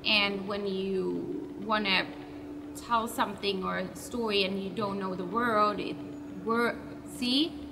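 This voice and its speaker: This web show host, a native Swedish speaker, rambles chattily through fan questions in a vlog and stops to amend what she says. Her mid-range voice stays steady and she takes it slowly. She sounds far from the mic, with a clear layer of background noise.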